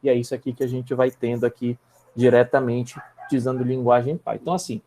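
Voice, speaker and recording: In this live programming lesson, a male instructor with a Brazilian Portuguese accent talks fast in a level, mellow, medium-pitched voice over a faint hiss or hum. He explains each step, frequently asks whether students are following, and stumbles and restarts words as he types.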